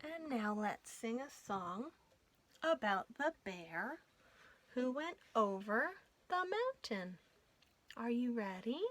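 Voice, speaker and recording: Hosting storytime for kids, she reads in an animated, sing-song voice that's fairly high and slow, and she puts questions to the little listeners.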